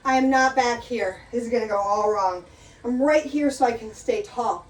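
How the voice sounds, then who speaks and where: A middle-aged woman, speaking at a moderate pace in a fairly high voice, leads a live exercise class from a room with a chair. She chats and encourages while catching her breath between moves, and the distant mic makes the room sound echoey.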